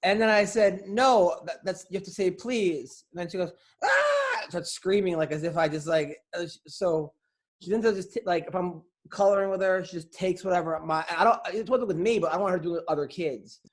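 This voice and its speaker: A man's voice: sits high, fast talker. A man on a podcast talking casually as an unsure new father who rambles while asking for parenting advice. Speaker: podcast co-host. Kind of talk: casual chat.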